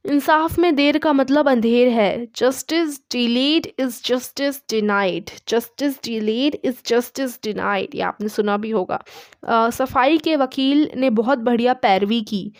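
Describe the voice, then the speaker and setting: A woman teaching English in an online lesson, reading Hindi sentences and saying the English versions slowly. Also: fairly high pitch, no room sound, clean studio sound.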